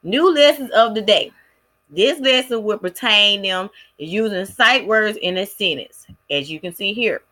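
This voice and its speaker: A woman walks through a lesson plan for young readers, talking casually and stopping often with fillers. Her voice is bright and clear, at a middling pitch. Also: expressive. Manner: casual, halting, with many fillers like "like" and "um". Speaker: student teacher presenting a lesson plan. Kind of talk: recorded class presentation.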